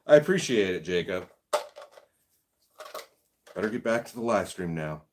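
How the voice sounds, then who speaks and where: A livestream host chats in a laid-back way, reading viewer comments and laughing often during a casual stream. His voice sits low with big pitch swings at normal speed, and there's background noise.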